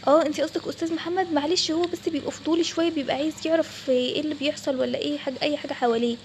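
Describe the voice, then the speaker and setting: A woman's voice: high voice, fairly even intonation, very fast, darkish tone, slight background noise. A woman with an Egyptian Arabic accent voicing a polite, placating male bank manager. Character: calm middle-aged male bank manager.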